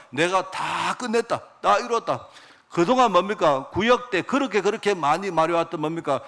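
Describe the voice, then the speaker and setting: A middle-aged man preaching a sermon in a slightly higher voice. He keeps throwing questions at the congregation and answering them himself. He often lets the ends of phrases fall into quiet asides. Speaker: pastor.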